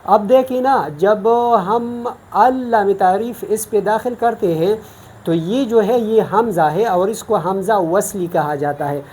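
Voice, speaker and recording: A woman's voice: medium pitch, dark tone, slightly rough. Patient woman teaching Quran recitation. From Pakistan. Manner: patient step-by-step explaining, slowly demonstrating recited examples. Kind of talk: online tajweed lesson.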